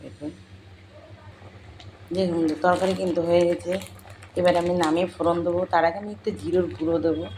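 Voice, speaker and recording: A home cook with a voice gone hoarse from a cold, explaining a recipe step by step and addressing viewers as friends. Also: mid-range voice, noisy background. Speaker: home cook hosting a cooking channel. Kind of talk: cooking tutorial with step-by-step talk. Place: home kitchen. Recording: home kitchen with sizzling and clattering pans.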